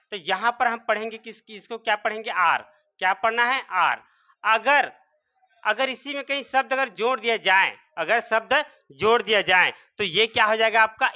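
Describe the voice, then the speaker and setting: Speaking in a bright, forceful, high voice, a man teaches English pronunciation and spelling like a classroom lesson. He breaks words down letter by letter, repeatedly posing rhetorical questions and then answering them himself.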